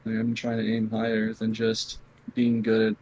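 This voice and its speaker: Male gamer guest, monotone and blunt, candid halting answers. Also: lowish voice, a little hiss or hum, poor audio. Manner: quiet, near whispering at times. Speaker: interview guest, competitive gamer. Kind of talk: candid conversational interview.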